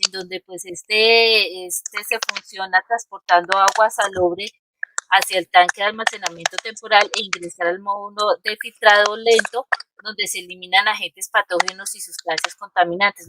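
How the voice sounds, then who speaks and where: Hesitant woman host over keyboard typing. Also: mid-range voice. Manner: hesitant, many fillers and restarts while reading out details. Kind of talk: interview introduction and questions. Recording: clear background noise, typing.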